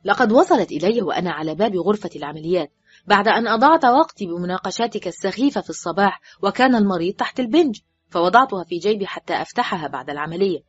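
A woman's voice: mid-range voice, expressive, very fast, slightly rough, no echo. A woman reading an audiobook voices a man, a surgeon, dry and easily irritated, curt and sardonic. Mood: defensive. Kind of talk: audiobook character voice. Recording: dull, dry recording with faint music.

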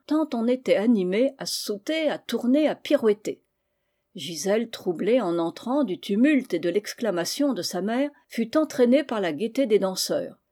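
A woman narrating a classic novel as an audiobook, with measured, clear phrasing. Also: mid-range voice, warm tone. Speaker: audiobook reader.

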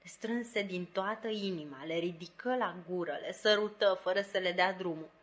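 A woman narrating a classic novel as an audiobook in a measured, even storytelling manner. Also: lowish voice. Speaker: audiobook reader.

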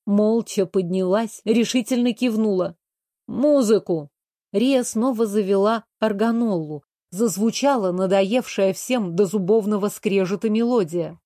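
A woman reading a novel aloud as first-person narrator, in a lively, expressive manner. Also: mid-range voice, a little slow, few pauses, no echo, clean studio sound. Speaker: audiobook narrator.

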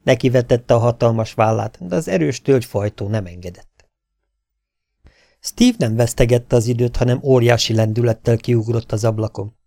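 Man, audiobook narrator, mid pitch, steady, dry recording. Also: gravelly, dry recording. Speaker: audiobook reader.

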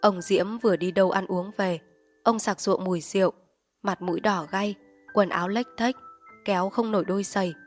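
A woman narrating an audiobook in a calm, measured storytelling voice. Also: medium pitch, soft background music. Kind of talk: audiobook reading.

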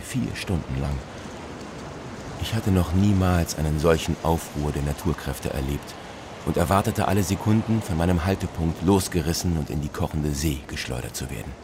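A man's voice: sits low, noisy background. A man narrating a sea adventure in the first person with a dramatic storyteller's delivery.

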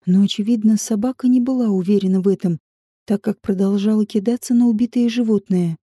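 A woman narrating an adventure novel audiobook in an even, measured reading. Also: mid-range voice, husky, dry recording, clean studio sound.

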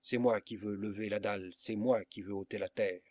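A man voicing a greedy old rope-maker who shouts possessively, in a storybook reading. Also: lowish voice, fairly even intonation, moderate pace, no room sound, lightly acted. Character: greedy old male rope-maker, frenzied over gold.

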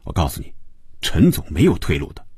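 A man voicing a wily male negotiator who coaxes and pleads in drawn-out tones, in a spoken story. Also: sits low, wildly swooping pitch, darkish tone, slightly rough, no room sound, studio quality, full character voice. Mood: coaxing.

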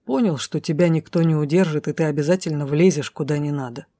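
A woman voicing a tall male drow who speaks calmly and tersely in a low, quiet voice in an audiobook. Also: quick pace, no echo. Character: tall calm male drow, stern and tender. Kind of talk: audiobook character voice.

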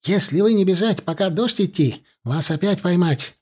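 A man voicing a jittery male village interpreter who speaks in broken, hurried phrases, pitched well above his own voice. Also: a little mellow, husky. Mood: impatient. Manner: broken grammar, urgent hissing.

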